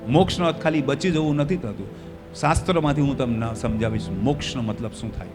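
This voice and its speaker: A male pastor preaching a sermon in a church hall, his voice often swelling loud with fervor. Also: medium pitch, quick pace. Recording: long hall reverb, faint music behind.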